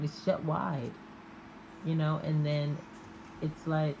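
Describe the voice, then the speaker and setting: A woman with a low voice gives an intimate, off-the-cuff tarot reading. She speaks very slowly, musing and halting with long pauses between phrases. There is clear noise behind her voice. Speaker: tarot reader.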